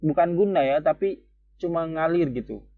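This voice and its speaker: Guy teaching how to recite, kinda high voice, super slow, sings the verses out long, sounds like a tinny phone recording. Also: no room sound. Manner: drawn-out melodic recitation between quick explanations. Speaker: Quran reading teacher. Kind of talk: casual tutorial with slow chanted recitation.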